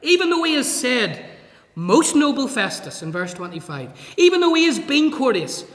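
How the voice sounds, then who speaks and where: Male preacher, high and bright voice, expository sermon, reverberant church. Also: big pitch swings, normal speed. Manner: expository, reads scripture aloud and explains it. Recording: echoey church hall.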